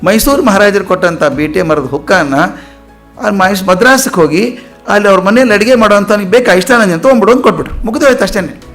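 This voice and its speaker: Gravelly-voiced man telling stories. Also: sits high, quick pace, soft background music. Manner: lively storyteller acting out quoted voices. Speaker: motivational speaker. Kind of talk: storytelling lecture.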